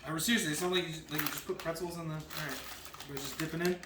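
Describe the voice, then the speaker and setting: A man's voice: fairly high pitch, steady tone, very fast, recorded from a distance. A man giving a casual, slangy snack review among friends as one of a panel. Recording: echoey room, off-mic, noticeable noise.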